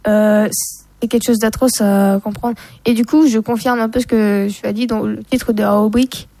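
A woman's voice: fairly high pitch, fairly even intonation, normal speed, dark tone, dry recording. A woman in a casual discussion, speaking hesitantly with frequent fillers.

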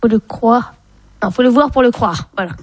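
A woman speaks in a casual discussion with a somewhat high voice, recorded dry and close. She hesitates often, filling pauses as she looks for words. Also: no room sound. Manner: hesitant, many fillers.

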